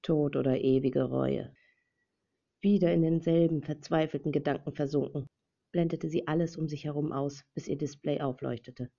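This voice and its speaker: A woman narrating a dramatic novel as an audiobook in a measured reading. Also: low voice, fairly even intonation, vocal fry, warm tone. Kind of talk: scripted narration. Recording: dull lo-fi recording.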